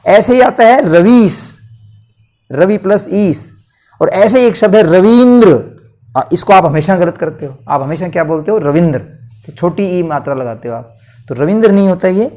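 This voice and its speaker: A man teaching a Hindi grammar lesson, explaining slowly and asking and answering his own questions. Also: high voice, lively intonation, darkish tone.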